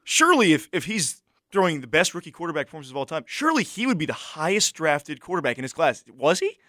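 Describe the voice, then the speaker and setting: A young man co-hosting a college radio sports show, teasing and quick with pointed questions in a studio. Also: on the high side, big pitch swings, sharp tone, dry recording. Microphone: studio microphone.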